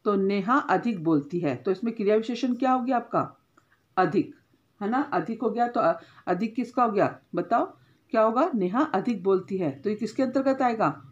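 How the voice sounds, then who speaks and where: A woman's voice: medium pitch, lively intonation, moderate pace, muffled recording. A woman teacher giving a grammar lesson to schoolchildren, explaining step by step, often checking in with a short tag question and correcting herself as she goes.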